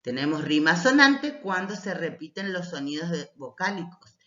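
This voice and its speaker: A woman teacher explaining lessons patiently, often checking in with a short "mm?" and reading verses aloud slowly. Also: on the low side, sing-song, fairly bright tone. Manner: reads poems aloud slowly. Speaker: language teacher. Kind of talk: recorded class lecture. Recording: roomy, dull lo-fi recording.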